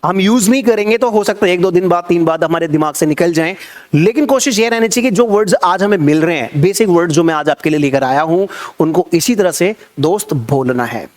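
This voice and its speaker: Lively high-pitched male English teacher. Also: a little fast. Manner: lively, repeats words and quizzes viewers. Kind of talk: Hindi-language vocabulary lesson.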